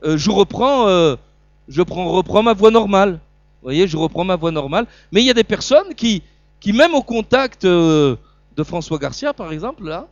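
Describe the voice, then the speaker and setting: A middle-aged man with a southern French accent preaching a sermon, stumbling and repeating words, swinging between loud emphasis and quiet asides. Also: sits high, dry recording, muffled recording.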